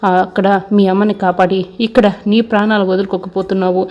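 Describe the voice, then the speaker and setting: A woman voicing a scheming, sharp-tongued young woman, read evenly. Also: mid-range voice, flat delivery, a little fast, highs cut off, close to an everyday voice. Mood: scornful.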